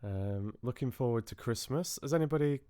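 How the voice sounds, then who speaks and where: A man hosts a livestream, chatting with viewers in a friendly, hesitant way full of trailing asides. His mid-range voice is brisk and mellow, with a clean, studio-quality tone and no room sound.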